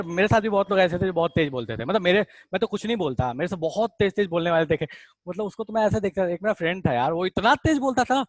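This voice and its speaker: Male chemistry teacher, quick casual lecturing, slightly high voice, dry close recording. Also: dry recording. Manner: fast-talking, addresses students as beta, casual Hinglish asides. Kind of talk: online class lecture.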